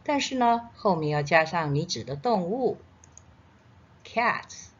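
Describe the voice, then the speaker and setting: A woman teaching a children's vocabulary lesson in an encouraging, instructing kindergarten-teacher manner, with a husky voice. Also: fairly low pitch, expressive, takes it slowly. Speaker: English teacher for young children. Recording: dull, lo-fi sound.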